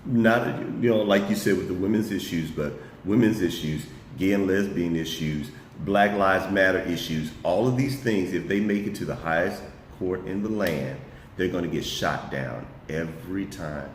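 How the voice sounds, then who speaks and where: A man's voice: low voice, moderate pace. A man co-hosting a political discussion, speaking heatedly, stumbling over repeated words as he gets worked up and saying y'all. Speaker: co-host. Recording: echoey room, faint noise.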